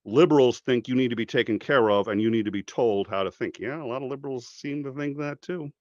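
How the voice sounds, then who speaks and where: A podcast guest with a quick, medium-pitched, slightly mellow voice argues passionately and profanely in casual conversation, slipping into mocking voices when quoting others. The audio is dry and a bit dull.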